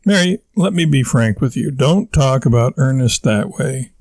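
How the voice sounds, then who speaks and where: A man voicing a pompous, excitable middle-aged husband who declaims grandly in a dry, close sound. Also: medium pitch, moderate pace, dry recording. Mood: indignant. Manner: indignant, declaiming, self-important.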